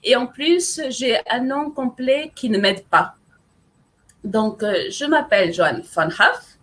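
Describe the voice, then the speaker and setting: A playful woman from a Portuguese-speaking country, with Portuguese as her first language, appears as an author guest in a casual live chat. She speaks slowly in an expressive voice on the high side with a fairly bright tone, and she's teasing and self-mocking.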